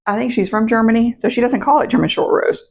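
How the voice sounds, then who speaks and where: A woman chatting casually to her camera as a vlog host, her voice still a little rough in the morning, meandering with fillers and self-corrections. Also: a little high, steady tone, brisk. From United States. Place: home, indoors. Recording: dull, muffled sound.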